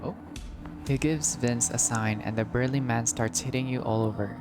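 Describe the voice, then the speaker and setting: A man plays a visual novel, reading the game text aloud dramatically and reacting casually along the way. His medium-pitched voice has fairly even intonation at normal speed, with loud game music underneath.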